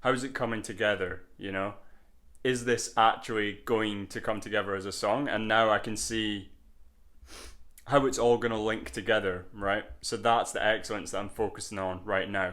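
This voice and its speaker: Rambling, low-voiced man songwriter. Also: steady tone, normal speed, a bit bright. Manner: loose and rambling, with filler words and tag questions. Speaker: songwriter sharing album progress. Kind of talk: casual vlog talk.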